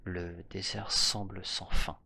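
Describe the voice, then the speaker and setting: A man narrating a guided hypnosis journey in a soft, slow voice that drifts into whispers. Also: sits low, little pitch movement, creaky.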